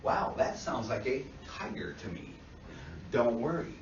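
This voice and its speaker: A man's voice: medium pitch, animated, a little slow, slight background noise, pitched below the performer's own voice, lightly acted. A man voicing a protective, alarm-minded part of the brain, soothing but eager to fight. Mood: reassuring. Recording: dull roomy classroom sound from far off.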